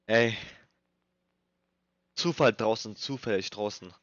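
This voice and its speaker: A man's voice: lowish voice, takes it slowly, a bit bright, dry recording. A young man doing nervous, swearing let's play commentary in street slang, reading game text aloud as he plays. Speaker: gaming streamer. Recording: dull lo-fi mic, dry.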